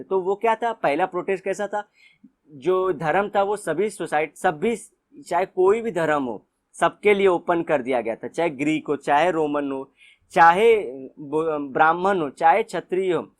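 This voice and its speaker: A young man with an Indian accent giving an exam-prep lecture, explaining in Hindi mixed with English and reading textbook lines slowly. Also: a little high. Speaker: teacher.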